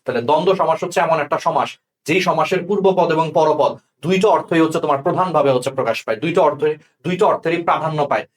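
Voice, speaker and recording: Fast-talking young male tutor. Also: on the high side. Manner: checks understanding often with quick questions. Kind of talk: exam-prep grammar lesson.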